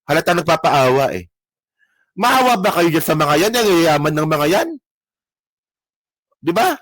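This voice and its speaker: A man's voice: a little high, very animated, unhurried, a bit bright, dry recording. A man hosting casual political commentary, reacting to clips in a sarcastic, profane way.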